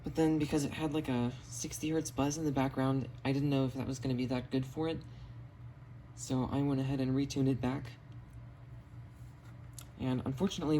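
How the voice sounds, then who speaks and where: In this casual vlog, a man presents his radio finds in his home basement, explaining them plainly. He speaks a little fast in a mellow, steady, medium-pitched voice. The phone recording picks up audible background noise.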